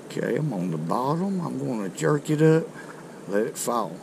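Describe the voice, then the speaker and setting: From a rocky riverbank below a dam, a middle-aged man hosting a fishing video gives excited, folksy outdoor commentary. He talks at a moderate pace in a gravelly mid-range voice, and his chest-mounted action camera picks up background noise.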